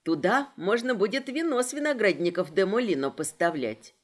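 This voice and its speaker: A woman narrating a first-person novel in an expressive, wry storytelling manner. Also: medium pitch, moderate pace. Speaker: audiobook narrator.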